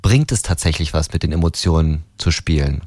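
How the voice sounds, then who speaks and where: A man's voice: extremely low pitch, expressive, brisk, darkish tone, no echo, studio quality. A man from Berlin co-hosting a podcast, thinking aloud with hesitant restarts. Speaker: podcast co-host. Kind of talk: casual chat.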